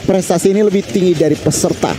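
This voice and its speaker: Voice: mid-range voice, fast talker, warm tone. An esports analyst with an Indonesian accent giving colloquial, emphatic commentary on a match. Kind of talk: casual analytical game commentary. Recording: faint background event noise.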